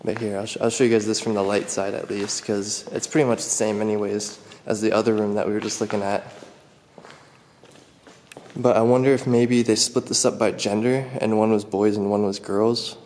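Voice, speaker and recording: A young urban explorer talks to viewers in a chatty, curious way as he moves through a large deserted building, filmed with a handheld camera mic. He speaks at a moderate pace in a lowish, level, slightly mellow voice, with a little hiss or hum.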